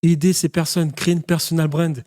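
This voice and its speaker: A man's voice: fairly high pitch, flat delivery, fairly quick, a little mellow. A man, a business consultant, giving a direct and urgent motivational talk on doing business online.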